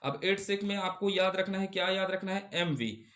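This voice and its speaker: A man's voice: sits high, moderate pace, fairly bright tone. A man teaches an exam-prep computer class. He drills each term again and again, firing questions at his students and answering them himself. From Chhattisgarh. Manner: repetitive call-and-response drilling.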